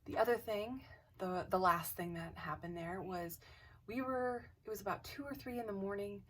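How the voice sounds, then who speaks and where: This craft channel host relates her own ghost story to the camera in a lively, casual manner, performing the quoted lines and now and then sinking into a whisper. She has a mid-range voice at a moderate pace, a bit far from the mic, with slight background noise.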